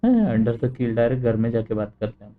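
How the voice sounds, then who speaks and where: A man's voice: mid-range voice, very animated, rapid-fire, narrow, tinny audio. A man with an Indian accent giving casual, blunt, heckling commentary as he plays a video game. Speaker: gamer.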